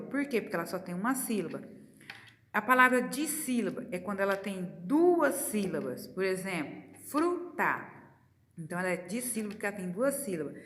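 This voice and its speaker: A woman's voice: medium pitch, in a large hall. A woman teacher explaining a school worksheet step by step, patiently asking and answering her own questions. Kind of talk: recorded class explanation.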